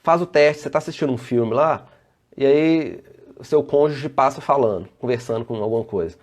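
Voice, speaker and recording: A man's voice: mid-range voice, normal speed. A Brazilian man, a safety engineer and trainer, giving a casual live online presentation and answering viewer comments as he goes. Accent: Brazilian Portuguese.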